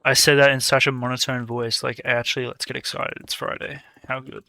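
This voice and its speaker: A male game streamer chatting casually on a live stream, greeting viewers by name in an easygoing, low-key way. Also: level tone, a little fast, pushed and bright. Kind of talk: casual live-stream chat while playing.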